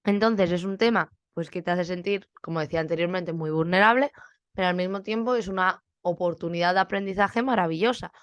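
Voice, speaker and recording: A woman's voice: lowish voice, fairly quick, no room sound. A young woman teacher from Spain, with a Spanish accent, chatting casually on her podcast and acting out bits of classroom dialogue.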